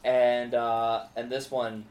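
A young stand-up comic talks loosely, piling up "like" and restarts as he winds through his story. His mid-pitched voice sits in a roomy space with noticeable echo. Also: monotone, slow pace, a little mellow. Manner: rambling storyteller, many fillers and self-interruptions. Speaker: stand-up comedian. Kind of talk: casual podcast chat.

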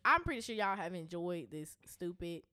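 A woman's voice: fairly low pitch, sing-song, moderate pace, sharp tone, dry recording, studio quality. Candid young woman co-host, casual. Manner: candid, profane storytelling with lots of fillers. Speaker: podcast co-host. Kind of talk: casual chat.

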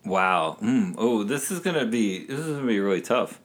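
A man's voice: lowish voice, sing-song, normal speed. A man co-hosting a podcast, talking casually, blunt and joking, swearing freely. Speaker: podcast co-host. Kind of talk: casual chat.

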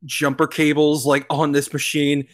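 A young man co-hosting a casual movie commentary, excitable, laughing often and swearing. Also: a little high, measured pace. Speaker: podcast co-host.

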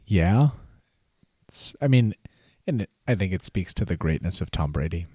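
A man's voice: sits low, expressive, normal speed, dark tone, husky, dry recording. A man co-hosting a podcast in casual football chat, laid-back, with lots of agreeing interjections and dry jokes. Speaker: podcast co-host.

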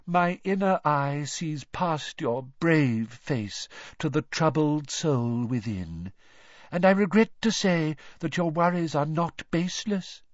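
A man's voice: on the high side, no echo, voice pushed up. A man voicing a mournful older female fortune-teller with a misty, airy voice, in an audiobook. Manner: mournful, drawn-out and dramatic. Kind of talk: audiobook character voice. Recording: dull, dry studio recording.

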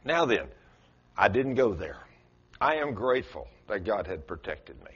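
A man in his late sixties preaching a folksy sermon, quizzing his congregation and rising to loud exclamations. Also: on the low side, big pitch swings, normal speed, slightly rough, muffled recording. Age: 60s. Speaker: pastor.

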